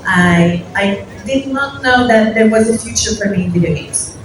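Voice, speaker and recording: A woman's voice: mid-range voice, moderate pace. A young woman from Morocco giving a casual, self-deprecating conference talk to an audience. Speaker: conference speaker. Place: large hall at a conference. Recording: echoey hall from far off, noisy.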